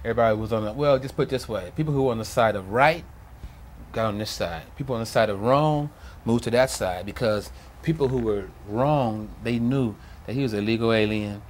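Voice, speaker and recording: A middle-aged man, interviewed as a grieving father, recalls emotional moments with animated emphasis and acts them out as he goes. His medium-pitched voice runs a little fast, with some slight hiss or hum on the recording.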